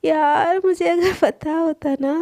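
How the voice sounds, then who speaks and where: Brief: woman reading as a teasing, doting young wife in an audio story, high voice with gravelly fry. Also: slow, dark tone, no echo, clean studio sound, full character voice. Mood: giddy. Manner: playful, doting, coaxing.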